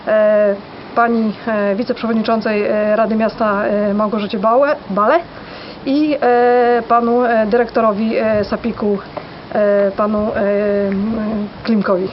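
A woman with a Polish accent speaking unscripted to the camera in a halting, hesitant way with many pauses. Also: on the high side, fairly even intonation. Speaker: charity challenge participant. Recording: dull lo-fi audio, faint background noise.

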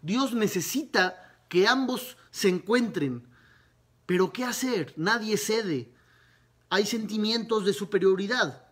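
A man, a rabbi, teaching a Talmud lesson, retelling a story with lively narration and rhetorical questions. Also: high voice, takes it slowly, slightly rough.

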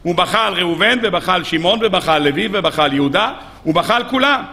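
A rabbi preaches a weekly sermon in a high, bright voice. He tells the story animatedly and keeps putting questions to his listeners. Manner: animated storytelling, acting out quoted speakers; rhetorical questions to the audience.

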